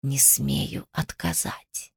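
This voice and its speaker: Serpent goddess, sly and menacing, slow hissing delivery, low and hushed, dry audiobook read, a woman putting it on. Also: no room sound.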